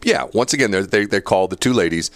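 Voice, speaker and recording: A talk show host man with a low voice that moves animatedly up and down as he reads news items aloud. He breaks into opinionated asides and chuckles between points, recorded close and dry in a studio. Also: lively intonation, fast, a bit bright, no room sound. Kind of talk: casual talk radio commentary.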